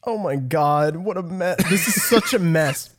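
A woman's voice: lowish voice, a little slow, background noise. A woman playing in a tabletop game, playful and giggly. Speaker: player. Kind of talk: tabletop role-play chat.

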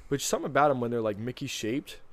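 Excitable man gushing on a podcast. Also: mid-range voice, quick pace. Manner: enthusiastic, filler-heavy with lots of "like". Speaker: podcast co-host. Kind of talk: casual podcast chat. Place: studio.

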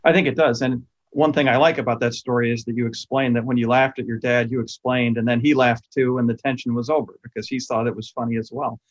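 A man interviewing a guest, asking measured, thoughtful questions. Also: medium pitch, steady tone, dull audio.

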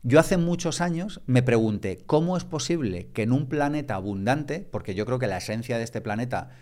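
A man's voice: medium pitch, animated, normal speed, a little mellow. A man, a podcast guest talking reflectively and with emphasis in a conversational way.

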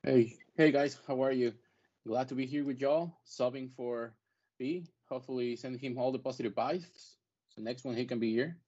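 A man's voice: mid-range voice, moderate pace, mellow. A man speaking as a guest panelist, chatting casually on a sports podcast. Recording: slightly dull lo-fi sound.

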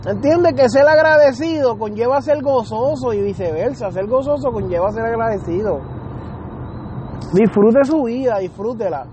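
A man's voice: very high-pitched, expressive, moderate pace, dull audio, background noise. A man giving an informal sermon, earnest and repetitive, calling the listener "beloved". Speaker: preacher.

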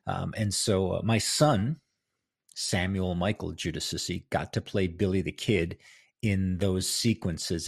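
A middle-aged man hosts in an informal, rambling style. His voice is low and husky, worn down from singing, with plenty of gravel in it. The sound is dry and close. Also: no room sound. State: voice strained from singing the night before. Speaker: host of a history show, filmmaker and musician. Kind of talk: casual solo chat to listeners.

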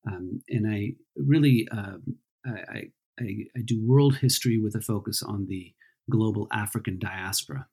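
Husky, low-voiced male historian guest. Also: normal speed, darkish tone. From Peru. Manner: thoughtful, many ums and restarts. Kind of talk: casual interview answers.

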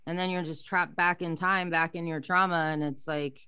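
Young woman podcast host, low smooth voice, chatty and open, dry close sound. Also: steady tone, normal speed, pushed and bright, no echo. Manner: candid, chatty storyteller. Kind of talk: casual conversational interview.

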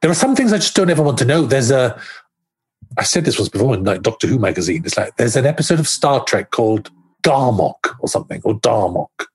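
Husky middle-aged man, animated storyteller. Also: medium pitch, a little fast. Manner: animated, restarts often, acts out his inner voice. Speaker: screenwriter guest. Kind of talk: podcast interview conversation.

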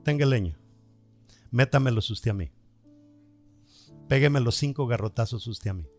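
A man's voice: medium pitch, moderate pace, faint music behind, voice pushed down, lightly acted. A man voicing a stern mother who insists on punishing her son, in a firm, lecturing tone. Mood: insistent.

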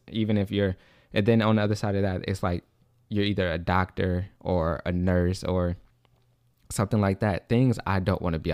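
A man's voice: a little mellow, no echo, studio quality. A young man hosting a casual solo podcast, a little out of breath, rambling and restarting his sentences. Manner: rambling, repeats and restarts, says "like" and "low-key". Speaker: podcast host.

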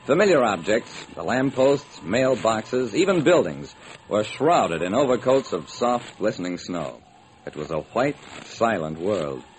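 On a noisy old radio recording, a male actor plays a hard-boiled private detective, narrating his case in old-time radio style. His voice is on the low side and very animated yet a little slow, delivering the story with dramatic, wry deliberation.

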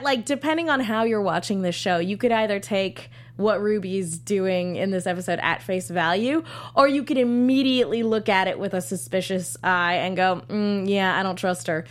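A woman co-hosting a casual podcast chat about a cartoon, animated and laughing, quoting characters in playful voices. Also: mid-range voice. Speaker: podcast co-host.

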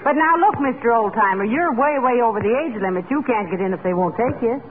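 An actress playing a sweet, kindly, folksy wife in a 1940s radio comedy. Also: female voice, fairly high pitch, animated, quick pace, a crowd in the background, lightly acted. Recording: tinny old radio recording, faint noise.

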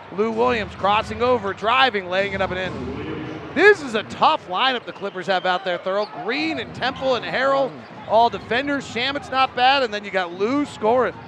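Male play-by-play announcer, high gravelly voice, clipped fast calls over loud arena noise. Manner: rapid clipped play calls, bursting into shouts on big plays. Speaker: play-by-play commentator. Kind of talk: live basketball commentary.

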